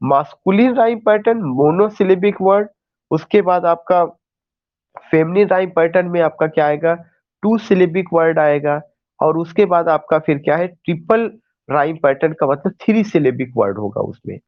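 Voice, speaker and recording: A man's voice: fairly high pitch, moderate pace, highs cut off. A male teacher giving an online class lecture, explaining step by step with rhetorical questions and mixing in English terms.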